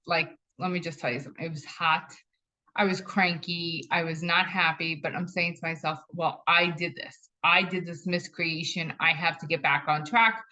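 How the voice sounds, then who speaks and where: Woman, middle-aged, lower register, bright and emphatic, lo-fi recording. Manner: storytelling, repeats phrases for emphasis. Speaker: spiritual talk host. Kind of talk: casual spiritual talk to camera. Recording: dull lo-fi sound.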